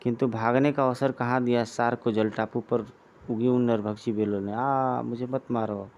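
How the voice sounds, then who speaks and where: A man's voice: medium pitch, little pitch movement, moderate pace, darkish tone, muffled recording, a little hiss or hum. A man reading a comic book aloud in a dramatic way and adding his own remarks. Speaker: comic reader.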